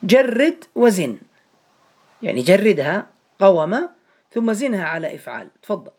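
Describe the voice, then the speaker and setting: A man's voice: sits high, sing-song, normal speed, darkish tone. Patient male grammar teacher. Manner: patient, repeats each step, quizzes students by name. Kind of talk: Arabic grammar lesson in an online class.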